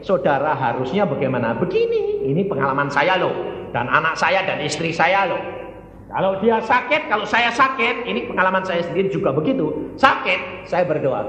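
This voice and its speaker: A man preaching a sermon to a congregation, putting question after question to them and swinging between loud calls and soft asides. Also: fairly high pitch, sing-song, normal speed. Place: church hall. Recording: roomy hall echo, dull lo-fi sound, faint hum.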